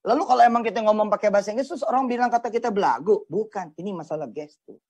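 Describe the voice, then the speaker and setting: A man's voice: sits high, very fast, a little mellow. A man, a preacher giving a casual, joking religious talk in slangy speech.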